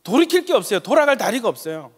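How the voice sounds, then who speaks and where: Man preaching a sermon, high voice, swooping animated intonation, long church reverb. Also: rapid-fire, husky. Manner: impassioned, swinging from loud emphatic peaks to soft quiet asides. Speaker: pastor. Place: church sanctuary.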